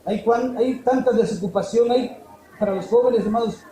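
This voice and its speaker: Salvadoran preacher guy, high mellow voice, goes loud then drops low, echoey church. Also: normal speed. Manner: fervent, rising to emphatic peaks then dropping low. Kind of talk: sermon. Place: church hall. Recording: echoey church room, faint noise.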